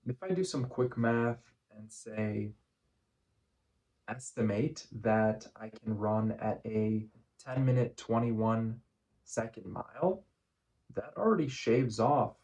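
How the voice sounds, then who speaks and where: A man giving a casual running vlog recap in measured, deliberate phrases with frequent pauses. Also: lowish voice, a little mellow. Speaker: running vlogger.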